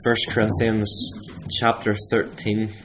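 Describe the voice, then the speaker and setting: Man at a pulpit microphone, low-voiced, reads scripture slowly and deliberately, pausing for emphasis. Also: monotone, a bit bright, a little hiss or hum, low-quality recording. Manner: measured, deliberate reading with emphatic pauses. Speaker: church service leader reading scripture. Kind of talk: scripture reading in a church service. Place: church.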